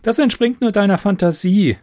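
A man's voice: high voice, normal speed, mellow, pitched above the performer's own voice, lightly acted. A man raising his voice for a skeptical girl. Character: young girl Loreen, skeptical and sharp.

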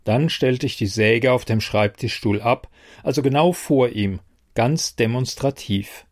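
A man reading a first-person short story aloud for a podcast in an expressive narrating voice. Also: medium pitch, a little slow.

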